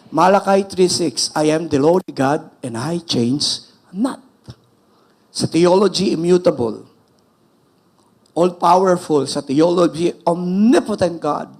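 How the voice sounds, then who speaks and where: Filipino pastor preaching, high gravelly voice, emphatic, mixes english and filipino. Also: male voice, darkish tone. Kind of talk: sermon.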